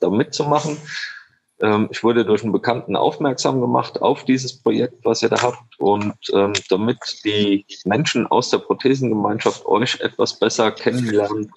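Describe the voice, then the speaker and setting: A man's voice: mid-range voice, vocal fry, slight background noise, low-quality recording. A man hosting a podcast interview, friendly and a little hesitant, with many fillers. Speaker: podcast host. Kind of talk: casual interview.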